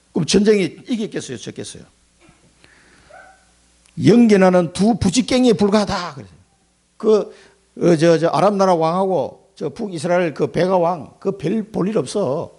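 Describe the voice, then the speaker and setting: A male pastor delivers a lively Sunday sermon. His voice sits fairly high and swings widely in pitch. It has a gravelly, husky grain as he acts out quoted lines and puts questions to the congregation. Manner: animated preaching, acting out quoted speech, asking the congregation questions.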